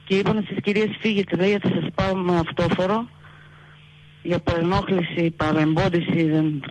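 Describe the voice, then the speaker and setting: A young woman calling in to a radio show, telling her story haltingly and retelling what people said. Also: on the low side, steady tone, darkish tone, low-quality recording. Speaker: caller. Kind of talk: telephone call to a radio show.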